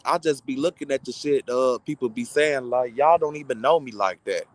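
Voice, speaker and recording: A man's voice: medium pitch, normal speed, no room sound, rough recording. A content creator, a man, delivering a heated, insulting, mocking rant to his online audience.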